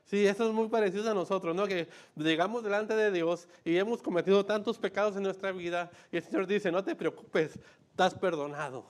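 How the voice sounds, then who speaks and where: High-voiced preacher, emphatic. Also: male voice, fairly even intonation, fairly quick, hardly any pauses. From Mexico. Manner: emphatic, repeats key phrases, swings between loud and hushed. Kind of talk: sermon.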